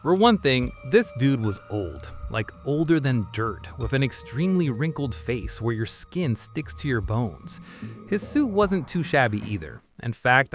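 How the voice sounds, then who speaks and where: A man narrating a horror story with a lively, expressive reading. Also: medium pitch.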